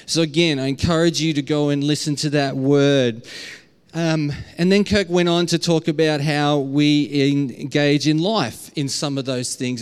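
A man's voice: fairly high pitch, clear, resonant tone. A man with a broad Australian accent preaching an informal sermon in an earnest, conversational way. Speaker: preacher at a church.

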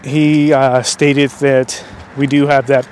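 A man hosts a paranormal vlog outdoors at night, short of breath and rambling with fillers and restarts. His voice sits in an ordinary middle pitch. Faint traffic hums behind him. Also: little pitch movement, slow, darkish tone. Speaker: paranormal vlogger. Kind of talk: casual chat. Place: outdoors at night by a busy road.

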